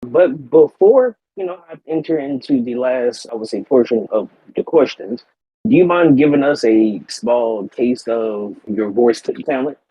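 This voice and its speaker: A man's voice: mid-range voice, expressive, measured pace, dark tone, slightly rough, no echo, muffled recording. A man hosting a podcast interview, polite and encouraging, with somewhat wordy phrasing. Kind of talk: casual interview.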